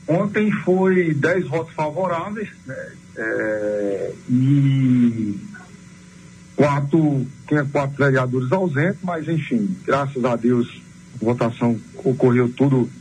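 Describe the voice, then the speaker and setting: A man's voice: medium pitch, expressive, takes it slowly, darkish tone, a little hiss or hum, low-quality recording. A man, a council president speaking on the phone to a radio show in formal political talk with many hesitations. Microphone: phone line.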